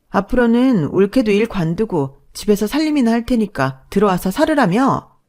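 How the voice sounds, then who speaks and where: A woman's voice: mid-range voice, darkish tone, voice pushed up, natural voice. A woman voicing a smug, mocking sister-in-law who talks down to others.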